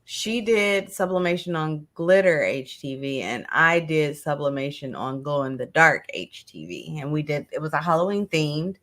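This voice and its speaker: A woman's voice: sits low, expressive, normal speed, hardly any pauses, fairly bright tone. A woman co-hosting a craft livestream in casual chat, rambling and self-deprecating.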